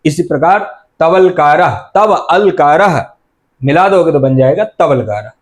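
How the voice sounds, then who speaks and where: A man's voice: on the high side, expressive, moderate pace. A middle-aged man teaching Sanskrit grammar, asking questions and answering them himself and repeating the key terms. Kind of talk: explanatory lecture.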